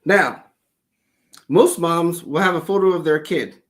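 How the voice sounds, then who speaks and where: A man hosts a casual livestream, breaking down video footage in loose, animated storytelling with the occasional curse. His voice is a little high and his pace measured.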